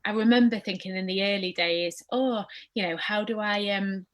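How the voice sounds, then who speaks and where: Earnest, measured woman panel speaker. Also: medium pitch. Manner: measured, earnest, lists points in order. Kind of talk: reflective talk on a faith-based leadership panel.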